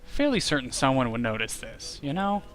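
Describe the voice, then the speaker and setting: A man gives casual, offhand commentary while he plays a game. His voice sits at a middle pitch, and his tone is joking and relaxed. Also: normal speed. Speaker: gaming host.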